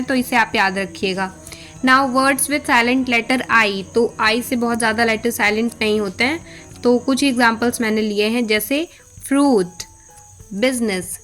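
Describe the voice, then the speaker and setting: This is an Indian woman teaching English pronunciation, with a slightly high voice. She speaks very slowly and deliberately, spelling out each word letter by letter. Faint music plays softly underneath her. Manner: slow, deliberate spelling-out of words. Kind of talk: Hindi-English language lesson.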